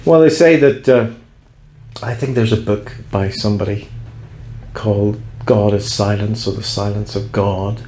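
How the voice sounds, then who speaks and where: A man vlogging from a cable car on a mountain, rambling reflectively and gently mocking himself. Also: fairly low pitch, steady tone, unhurried, roomy sound. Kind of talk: musing vlog monologue.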